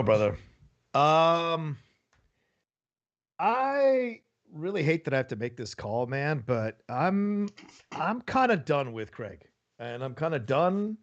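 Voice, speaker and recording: A man leaving a voice message on a phone, speaking haltingly and earnestly with many restarts. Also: on the high side, vocal fry.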